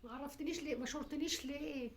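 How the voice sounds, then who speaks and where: Woman doing a frantic Egyptian mother, furious, pleading prayers, rapid scolding questions, high-pitched voice. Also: slight background noise. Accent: Egyptian Arabic. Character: frantic, furious middle-aged mother scolding her daughter.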